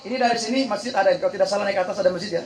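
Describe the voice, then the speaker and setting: A man with a notably high voice delivers a lively, humorous sermon, teasing his congregation and pulling them into call-and-response. He breaks into slow, melodic Quran chanting now and then. The sound is roomy and echoey, as from a PA in a large hall. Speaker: preacher.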